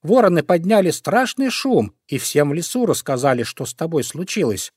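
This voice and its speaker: A man voicing a clever, bossy small male animal in a storybook, giving orders briskly. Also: fairly high pitch, very animated, a little mellow, slightly rough, no echo, studio quality, pitched above the performer's own voice. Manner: brisk, commanding.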